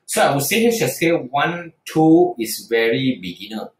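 A man's voice: medium pitch, sing-song, normal speed, roomy sound, low-quality recording. A man teaching beginner Mandarin in a screen-recorded tutorial, talking hesitantly with frequent fillers and restarts.

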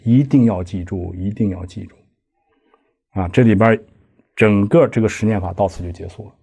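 Mellow, husky man lecturing. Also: lowish voice. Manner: explains line by line with conversational asides and rhetorical questions. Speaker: lecturer on Buddhist practice. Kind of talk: lecture explaining a classical text. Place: lecture hall.

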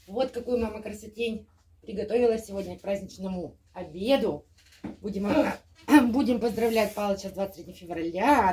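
A woman's voice: mid-range voice, mellow, a little hiss or hum. A woman filming at her mother's home, talking casually about the meal she made. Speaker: daughter, co-vlogger. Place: home kitchen.

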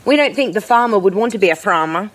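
A woman's voice: mid-range voice, lively intonation, fast, lightly acted. A woman voicing a group of sympathetic farm animals who explain things apologetically. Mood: apologetic.

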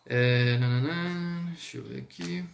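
A man's voice: fairly high pitch, expressive, moderate pace, a little hiss or hum. A man teaching a live online French lesson, speaking to viewers on a phone or webcam mic and checking in with them often.

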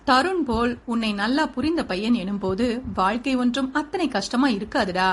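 A woman reading aloud, voicing a calm, caring older man who coaxes gently. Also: a little high, normal speed. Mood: coaxing, serious. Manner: calm, coaxing. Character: kindly older brother figure, gentle persuader.

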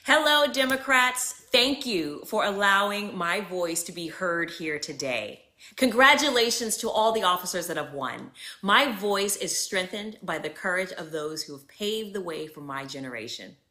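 Young woman, fired-up speech, bright low voice, echoey room. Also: expressive, moderate pace. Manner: impassioned, swinging between emphasis and quiet. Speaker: convention speaker. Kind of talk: formal speech. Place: indoor room with plant.

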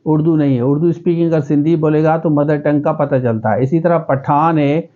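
An earnest educationist, a middle-aged man from Pakistan who speaks Sindhi natively and has a Sindhi accent, addresses the camera with advice in a small room, using both hands to gesture. His voice runs on the high side with fairly even intonation and a slightly fast pace, and the audio has a phone-quality sound.

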